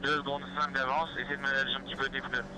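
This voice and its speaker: A man's voice: mid-range voice, flat delivery, rapid-fire. A man, a race engineer, giving short, clipped instructions to a driver over team radio. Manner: clipped, urgent coaching calls. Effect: team radio to the race car. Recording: distant noisy radio feed.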